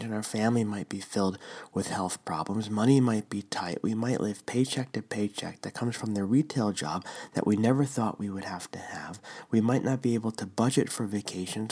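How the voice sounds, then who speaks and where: Whispering man, low and husky. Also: a little mellow. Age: 30s. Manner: conversational, checks in with listener. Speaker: devotional podcast host. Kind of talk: casual reading of a blog post. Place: at home, partner asleep next room.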